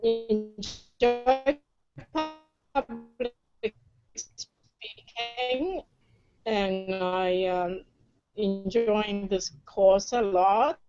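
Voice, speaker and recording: A woman, a course mentor, introducing herself on a group call from a hotel room, her audio breaking up and glitching as she speaks haltingly. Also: medium pitch, mellow, clean tone, highs cut off, faint music behind. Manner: halting, hesitant speech.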